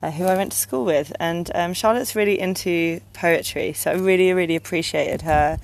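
Lower-voiced chatty woman podcaster. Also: normal speed, gravelly, low-quality recording. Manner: chatty, many ums. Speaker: podcast co-host. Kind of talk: casual chat and poetry reading.

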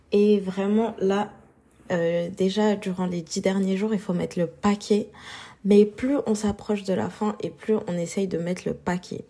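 A woman with a sore, husky throat, talking informally and thinking aloud as she hosts a relaxed, unscripted solo podcast. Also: medium pitch. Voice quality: husky, soft-edged. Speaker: podcast host.

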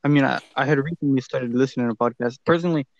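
A young man talks laid-back and halting, recorded dry and close through phone earphones. His voice sits in a middle pitch and his telling is casual. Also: creaky, dry recording, dull audio. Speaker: podcast co-host. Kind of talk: casual chat. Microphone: earphones on a phone call.

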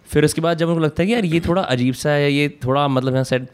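A man's voice: a little high, fast, smooth. Reflective man mixing Hindi and English. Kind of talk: casual conversation.

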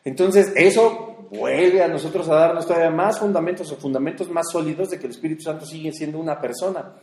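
A man's voice: fairly high pitch, fast talker, a little mellow. A man preaching a teaching sermon in a conversational way, with fillers and emphatic rises. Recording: echoey room.

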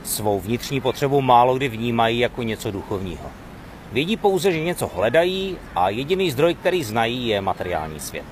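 A man giving a devotional sermon and reading scripture aloud in an earnest, measured way. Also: mid-range voice, slight background noise. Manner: earnest, measured reading with lively rises and falls. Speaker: preacher.

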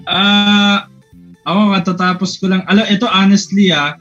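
A man's voice: high voice, fairly even intonation, moderate pace, pushed and bright, muffled recording, faint music behind. A man co-hosting a casual chat show, talking in a playful, mock-defensive way. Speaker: podcast co-host.

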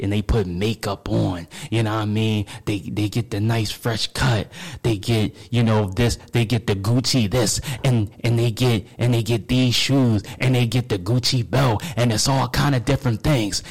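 A man's voice: medium pitch, creaky, rough recording. A man who stutters, giving a personal motivational talk, repeating words and restarting phrases with a constant "you know what I mean".

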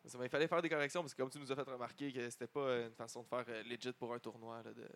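A man's voice: medium pitch, little pitch movement, very fast. A man with a Quebec French accent hosting a podcast, chatting casually about his subject in loose, informal banter. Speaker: podcast host.

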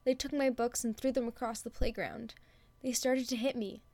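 Man doing a high, eager young girl. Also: steady tone, moderate pace, creaky, a little mellow, dry recording, heavily acted. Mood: timid. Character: bright, eager young girl, anxious then thrilled. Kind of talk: audiobook character reading.

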